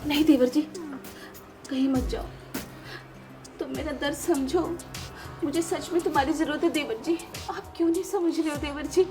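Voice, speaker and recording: An actress playing a lonely, manipulative young sister-in-law in a short film drama, coaxing and pleading. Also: female voice, high-pitched, moderate pace, long pauses, over music, close to an everyday voice. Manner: coaxing, pleading, then bitterly scheming.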